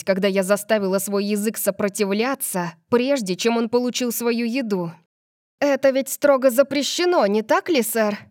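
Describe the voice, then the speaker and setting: Casting: female audiobook narrator, first-person story, expressive reads, dry booth sound. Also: mid-range voice, dry recording.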